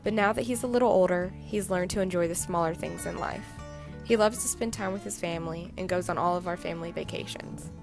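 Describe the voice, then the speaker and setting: A woman's voice: fairly low pitch, fairly quick, gravelly, music in the background. A young woman reading a scripted, fond narration about her grandfather.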